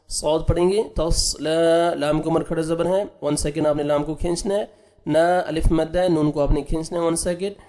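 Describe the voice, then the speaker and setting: A man teaching Quran recitation, patiently spelling out letters and sounds, then drawing out each recited word slowly. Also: on the high side, dark tone. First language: Urdu.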